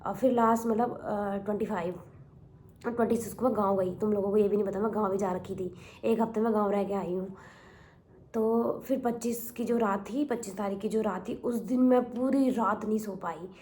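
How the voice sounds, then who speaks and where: A woman's voice: medium pitch, fairly even intonation, moderate pace, a little mellow, slight background noise. A young woman vlogger telling a long personal story in a casual, rambling way, repeating herself and mixing in English words. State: recovering from illness.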